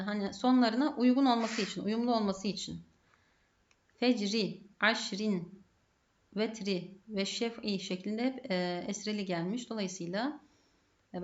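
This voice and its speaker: A woman's voice: medium pitch, lo-fi sound. Methodical Turkish woman teaching grammar. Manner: methodical, poses and answers her own questions. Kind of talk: grammar lesson.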